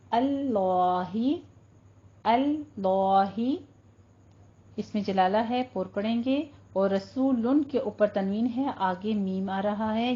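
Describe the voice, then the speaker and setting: A woman teaching Quran recitation rules, patiently explaining and drawing recited words out slowly. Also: medium pitch, warm tone, dull audio. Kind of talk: tajweed lesson with slow recitation.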